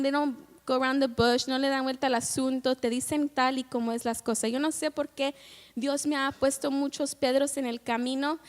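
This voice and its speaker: A woman with a high voice preaches to a congregation, moving between Spanish and English and often putting questions to her listeners. She acts out scenes with dramatic quoted lines. The recording carries the long reverb of a church sanctuary. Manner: asks the congregation frequent questions. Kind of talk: bilingual sermon.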